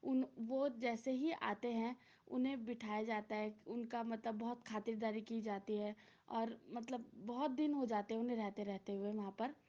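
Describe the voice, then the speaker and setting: A woman tells a story in a loose, informal way, repeating herself and filling her pauses. Her voice is mellow and sits a little high. The recording sounds dull and lo-fi. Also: fairly even intonation. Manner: informal, repetitive narration with many fillers. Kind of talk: casual spoken storytelling.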